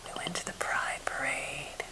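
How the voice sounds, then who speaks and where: An American woman whispering softly and breathily in a gentle, unhurried ASMR chat, as for a finger-tapping video. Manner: gentle, unhurried rambling storytelling. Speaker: ASMR creator showing wooden objects.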